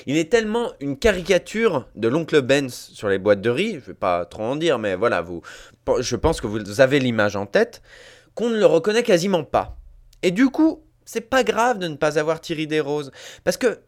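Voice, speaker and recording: A man's voice: a little high, big pitch swings, moderate pace. A man hosting a scripted commentary, talking emphatically and addressing listeners directly. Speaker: host.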